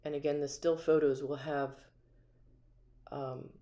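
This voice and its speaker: A low-pitched, mellow American woman narrates a walkthrough home tour from behind a handheld camera. She sounds upbeat and ticks off each feature in turn, in a small empty room. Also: little pitch movement, a little slow. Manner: upbeat, lists features one by one. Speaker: community home tour guide.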